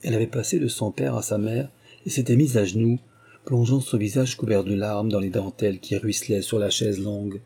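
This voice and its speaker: Husky, dark-voiced male narrator. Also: on the low side, fairly even intonation. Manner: measured, literary reading. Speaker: audiobook narrator. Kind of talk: scripted narration.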